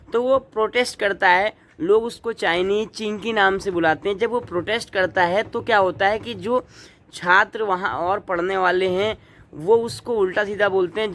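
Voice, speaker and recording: A young man from Uttarakhand vlogs his opinion in a fairly high voice. He talks in an earnest, indignant tone and keeps throwing rhetorical questions at his viewers. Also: fairly bright tone. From Uttarakhand, India. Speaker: vlogger. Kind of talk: opinion commentary to camera.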